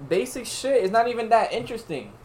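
A man's voice: extremely high pitch, big pitch swings, quick pace, darkish tone, slight background noise. A man in his early twenties, co-hosting a podcast in loose, joking casual chat. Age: early 20s. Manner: loose, joking, trash-talking. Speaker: podcast co-host.

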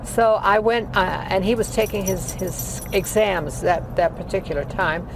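A former opera singer in her eighties speaks at medium pitch and a moderate pace, rambling through recollections of her career with lots of fillers. The casual life-story interview has heavy traffic noise behind it.

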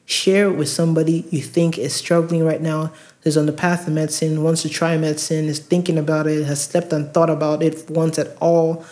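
A man's voice: a little high, level tone, fairly quick, dark tone. A man hosting an advice podcast, speaking earnestly and emphatically, often repeating words for stress. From outside the US. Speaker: podcast host advising premed students. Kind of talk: casual advice monologue. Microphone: handheld recorder mic.

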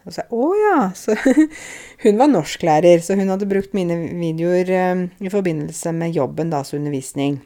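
A young woman in a chatty, clear spoken lesson, telling a story and explaining words to language learners. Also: lowish voice, fairly even intonation, hardly any pauses, dark tone. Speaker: Norwegian language teacher on YouTube.

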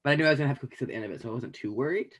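A man's voice: medium pitch, expressive, very fast, a bit bright, breathy edge. Man from Canada, podcast co-host, rambling, joking. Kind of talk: casual chat.

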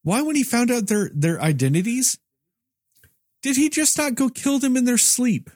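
This man's voice is very high-pitched and expressive, moving at a normal speed with a slightly mellow quality. He co-hosts a movie review podcast, chatting casually while ranting with sarcasm and plenty of profanity. The sound is clean studio audio with no room sound.

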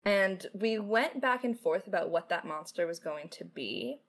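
A young woman, a lead writer and voice actor, answers questions in a casual podcast chat, informal and jokey. Her medium-pitched voice has lively intonation and an unhurried pace.

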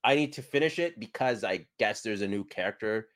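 A man's voice: lowish voice, lively intonation, fairly quick, a bit bright. A man co-hosting a podcast in casual chat, laid-back and opinionated, often restarting his sentences. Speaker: podcast co-host.

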